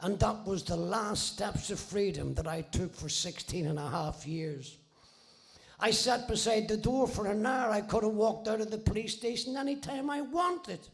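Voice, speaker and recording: A man's voice: high-pitched, normal speed, creaky, faint music behind. A Northern Irish man in his sixties from Belfast, telling his own story in a blunt, salty, wry way and swearing freely. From Belfast, Northern Ireland. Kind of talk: casual spoken storytelling.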